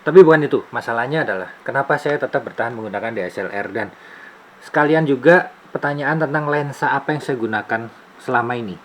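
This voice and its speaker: A man's voice: medium pitch, fast, a bit bright, slight background noise, poor audio. A man in his late forties explaining his camera gear in a casual vlog, chatty and demonstrative, talking close to a camera-mounted mic indoors. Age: 40s. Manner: chatty, demonstrative, thinks aloud with fillers. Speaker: YouTuber reviewing camera gear. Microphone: camera-mounted microphone close to speaker.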